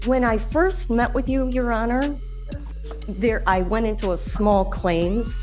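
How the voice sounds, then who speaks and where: A woman's voice: mid-range voice, darkish tone. A woman addressing a judge as a litigant in a courtroom recording, rambling in stiffly formal wording.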